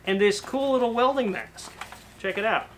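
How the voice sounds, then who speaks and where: A man in his thirties chatting casually to camera in a cluttered garage workshop, relaxed and full of fillers and restarts. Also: high-pitched, moderate pace, a little hiss or hum. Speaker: garage vlogger. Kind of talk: casual show-and-tell to camera.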